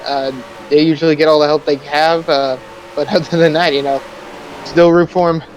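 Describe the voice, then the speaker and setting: Excitable rambling male race commentator. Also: a little high, moderate pace, highs cut off, slight background noise. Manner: rambling, excitable, laughs a lot. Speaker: color commentator. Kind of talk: sim racing commentary.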